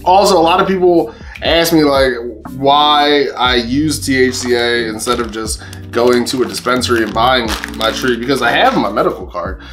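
A man from Pennsylvania chatting casually to his camera at home, swearing freely and laughing between thoughts. His voice sits in an ordinary middle pitch, and he often trips over his words and restarts. A faint strain of music sits behind him. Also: normal speed, a bit bright. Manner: loose, profane, laughs often, restarts mid-sentence. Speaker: cannabis vlogger host. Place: indoors at home.

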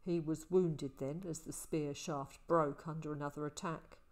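A woman doing a soft-spoken older ranger. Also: deep voice, steady tone, measured pace, pitched below the performer's own voice. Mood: storytelling. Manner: quiet, soft, sober. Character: calm older male ranger, a gentle mentor.

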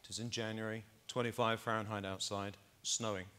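A man's voice: lowish voice, little pitch movement, fairly quick, a bit bright, smooth. A middle-aged man on a conference stage, talking into a lapel mic and walking the audience through test data step by step. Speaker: keynote speaker. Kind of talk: conference keynote presentation.

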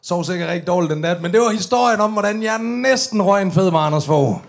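Gravelly high-voiced Danish man telling stories on stage. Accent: Danish, Aalborg. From Denmark. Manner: animated, swearing, loud outbursts, acted-out quotes. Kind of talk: live stage storytelling. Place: large tent venue, live audience.

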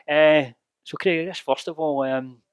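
A man's voice: a little high, steady tone, measured pace, clear, resonant tone, no room sound. A man, interviewing a fighter at a gym on a handheld mic and asking long, rambling questions.

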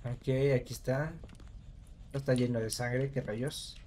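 A man's voice: mid-range voice, steady tone, takes it slowly, a little mellow, slight background noise. A man, casually commenting on a game as he plays, talking to his viewers and thinking aloud. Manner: casual, talks to viewers while puzzling aloud. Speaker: gameplay commentator. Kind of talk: let's play commentary.

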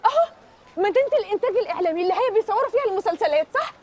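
Young Egyptian woman, frantic and pleading, very high and fast, rattled, with faint music underneath. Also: expressive, a little mellow. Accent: Egyptian Arabic. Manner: pleading, rattled, quick to snap back. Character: frantic young woman searching for her lost little brother.

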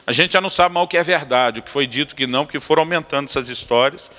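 A man, a pastor preaching a sermon who tells family stories in an animated, comic way. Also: on the high side, racing. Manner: animated, acts out family scenes with comic asides. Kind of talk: humorous sermon storytelling. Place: church sanctuary. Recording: long reverb of a church hall.

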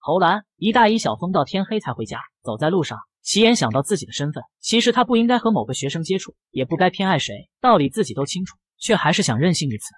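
A man narrating a romance comic story in a quick, lively storytelling manner. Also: sits high, slightly rough.

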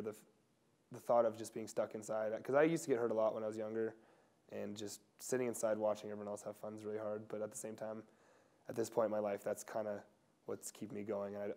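A young man talks through interview answers in a relaxed, casual way, often restarting his sentences. His voice sits low and smooth, with a fairly flat pitch. He is recorded sitting in an indoor lodge room. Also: quick pace. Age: young adult. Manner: casual, soft-spoken, many fillers and restarts. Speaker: pro skier interviewee.

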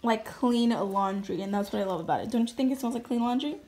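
A woman's voice: fairly high pitch, quick pace, dark tone. A young woman in her twenties chatting casually to viewers about a shopping haul, full of fillers, recorded on a phone at home. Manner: chatty, filler-heavy, addresses viewers directly. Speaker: beauty vlogger. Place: home kitchen, indoors.

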